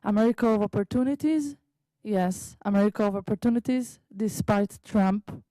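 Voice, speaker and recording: A woman from Israel, a native Hebrew speaker, slowly reading her own prose poem at an open mic in a library meeting room, with halting asides. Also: medium pitch, warm tone, dry recording, poor audio. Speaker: visiting writer reading her piece.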